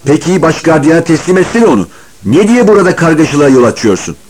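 Man doing a gruff barking prison warden. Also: on the high side, big pitch swings, fast, a little mellow, slight background noise. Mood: scolding. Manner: gruff, scolding orders. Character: stern barking male deputy prison warden.

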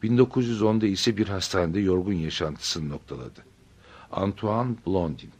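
Man, story narrator, deep voice, husky, measured pace. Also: a little mellow. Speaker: audiobook narrator.

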